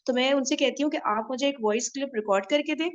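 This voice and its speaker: Chatty woman on a dull recording. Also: high-pitched. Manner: chatty, earnest, full of fillers like "na" and "theek hai". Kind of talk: casual talk to listeners.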